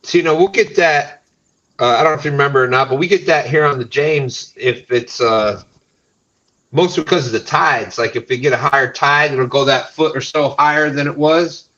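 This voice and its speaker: A man's voice: mid-range voice, normal speed, a bit bright. A man hosting a fishing show, joking and laughing as he chats with callers. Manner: jokey, laughing often, self-mocking. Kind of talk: casual chat. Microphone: camera and mic on a live stream. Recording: dull lo-fi stream audio.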